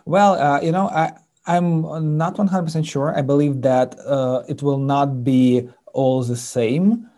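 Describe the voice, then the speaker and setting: A man from Ukraine with a Ukrainian accent, a sales executive speaking as an interview guest, halting with many fillers and restarts. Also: on the high side, fairly even intonation, mellow. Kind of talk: interview conversation.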